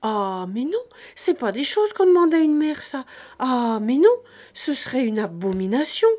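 A woman voicing a fierce, indignant peasant farmwife who shouts in rustic speech. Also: mid-range voice, very animated, slow pace, breathy edge, exaggerated voice. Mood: furious.

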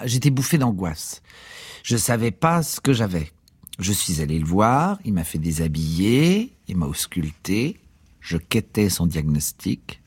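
A man's voice: mid-range voice, breathy edge, dry recording. A man performing an ironic comedy monologue on stage, telling his story theatrically.

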